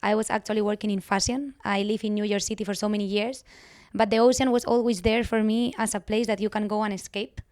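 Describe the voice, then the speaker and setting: A woman from Spain with a strong Spanish accent, telling her story as a guest on a podcast in an earnest, measured way. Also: medium pitch, steady tone, a little mellow, dry recording, studio quality. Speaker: guest, writer.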